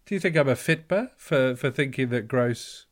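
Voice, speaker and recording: A man's voice: mid-range voice, lively intonation, normal speed. Cheeky male podcast co-host. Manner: cheeky, swearing, banter. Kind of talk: casual chat.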